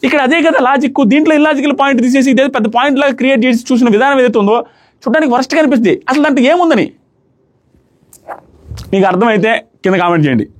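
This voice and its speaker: A young man giving rapid, argumentative commentary as a reality show reviewer, often asking rhetorical questions. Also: very high-pitched.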